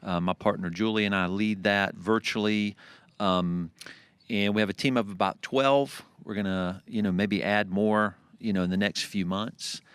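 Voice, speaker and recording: A man in his forties with a low, smooth, clear voice talks in a relaxed, easygoing way, laughing often and filling pauses as he chats. The recording is dry and close, with no room sound. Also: no room sound. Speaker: guest, accountant and consultant. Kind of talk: casual interview chat.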